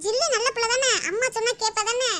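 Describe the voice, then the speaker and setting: A woman's voice: very high voice, fairly even intonation, fast talker, sharp tone. A woman playing a young mother, coaxing and scolding her child.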